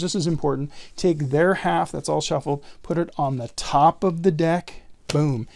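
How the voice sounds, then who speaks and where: Higher-pitched man doing casual card magician patter. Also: a little mellow. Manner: card magician patter, conversational, counting and explaining aloud. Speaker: magic tutorial presenter.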